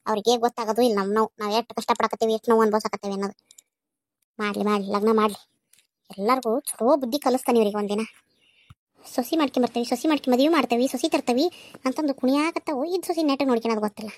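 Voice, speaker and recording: A resentful, scheming village woman from a cartoon, played by a woman with a North Karnataka Kannada accent. She grumbles bitterly in a high voice that rattles along at speed. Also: steady tone, very fast, a little mellow, no room sound, close to an everyday voice. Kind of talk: cartoon voice acting.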